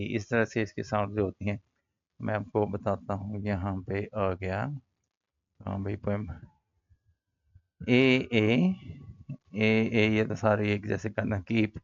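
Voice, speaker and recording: Man, Pakistani accent, classroom poetry lesson, gravelly voice, slow deliberate pace, dull lo-fi sound. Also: lowish voice, no room sound. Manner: mixes Hindi-Urdu explanation with slow English reading; casual, addresses students as brother. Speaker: teacher. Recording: dull lo-fi recording.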